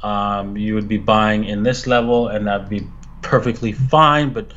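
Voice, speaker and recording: A man giving casual crypto market commentary like a crypto bro, speaking in a hesitant, halting way. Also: fairly low pitch, steady tone, fairly bright tone, muffled recording. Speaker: crypto analyst guest.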